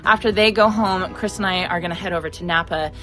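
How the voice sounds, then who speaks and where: A woman's voice: fairly low pitch, fast talker, fairly bright tone, soft background music, low-quality recording. A woman hosting a garden vlog, gushing with breathless enthusiasm as she walks the camera around her garden outdoors. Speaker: garden channel host. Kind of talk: excited vlog walkthrough.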